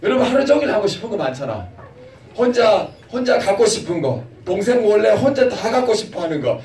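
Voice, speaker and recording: Animated man preaching to children. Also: high-pitched, brisk, a little hiss or hum. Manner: animated, asks children questions. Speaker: pastor. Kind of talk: children's sermon. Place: church. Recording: echoey church hall, mic from a distance.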